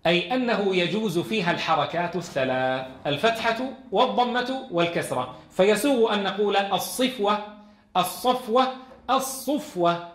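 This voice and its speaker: A man's voice: high voice, animated, brisk, echoey room. A man teaching a Quran lesson in a classroom. He reads from a text and explains it, asking his students questions.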